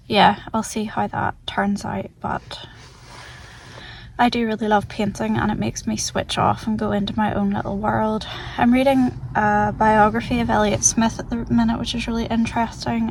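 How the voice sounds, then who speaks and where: Northern Irish woman, creaky-voiced casual vlogger. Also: mid-range voice. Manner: rambling, informal, thinking aloud. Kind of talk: casual chatty vlog. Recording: faint ambient background noise.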